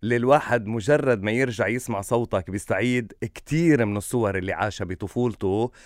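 A man's voice: fairly low pitch, fast, dry recording, clean studio sound. A man hosting an informal radio interview in an effusively courteous, complimentary manner. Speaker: radio host interviewing a guest. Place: close, dry radio studio.

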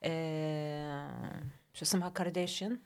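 A woman's voice: low-pitched, steady tone, moderate pace, darkish tone, clear, resonant tone. A woman with a Levantine Arabic accent co-hosting a casual podcast talk, questioning and often switching between Arabic and English. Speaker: podcast co-host. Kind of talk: casual discussion.

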